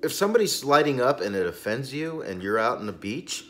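Very animated and a little fast, this man speaks in a mid-range, fairly bright voice with faint music behind him. He's a cigar channel host in his forties, gesturing broadly through an emphatic, indignant, casual rant from a small indoor room full of boxes.

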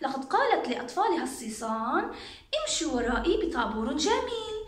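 A woman's voice: high-pitched, sing-song, brisk. A young woman teaching young children to count, in a sing-song, coaxing way. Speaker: kindergarten teacher. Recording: roomy echo.

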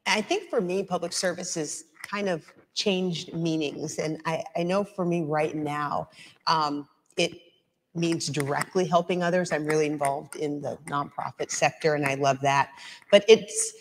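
A woman's voice: sits low, fairly even intonation, unhurried. A woman interviewing a guest on stage before an audience, friendly and conversational with some hesitant fillers. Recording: hall with long reverb and faint noise.

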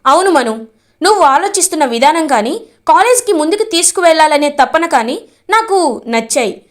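An authoritative middle-aged male minister in a family drama, voiced by a woman narrator. He speaks formally and deliberately, in a high-pitched voice. Calm and official. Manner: measured, formal.

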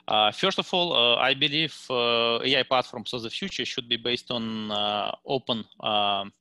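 Speaking through a headset from home on a video call, this guest speaker in his thirties gives a meetup presentation with a Russian accent. His voice is medium in pitch, bright and forceful, with no room sound, though he stumbles with frequent fillers and restarts.

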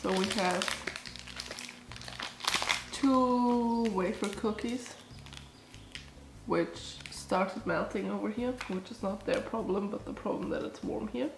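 Slow and creaky, with long pauses, a young food vlogger from Germany speaks at medium pitch through an allergy-stuffed nose while trying snacks. She's chatty and rambling, leaning on "like" and "um." Filmed up close by a front camera in a small cottage room, the recording is echoey with background noise.

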